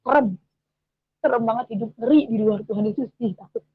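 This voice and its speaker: High-voiced, animated woman. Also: fairly quick, breathy edge, no room sound. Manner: animated, colloquial Jakarta slang. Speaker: testimony speaker. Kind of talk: emotional personal testimony. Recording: dry, muffled close recording.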